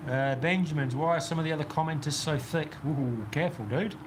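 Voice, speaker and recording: On a livestream from an outdoor weather shelter on a golf course, a man with a New Zealand accent rambles casually through viewer comments. His voice is fairly high and a little fast, and the background is noisy.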